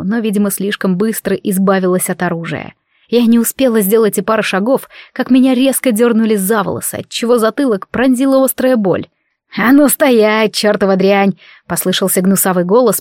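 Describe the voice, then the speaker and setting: A woman's voice: medium pitch, a little mellow, no echo, clean studio sound. A woman narrating a tense fantasy novel in the first person, in a dramatic storytelling manner. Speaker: audiobook narrator.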